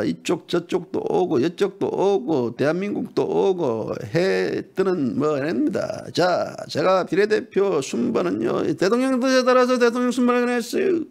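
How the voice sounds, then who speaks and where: A man giving impassioned political talk as a party politician. He talks emphatically, repeats himself and rises into high pleading tones. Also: creaky, a little mellow.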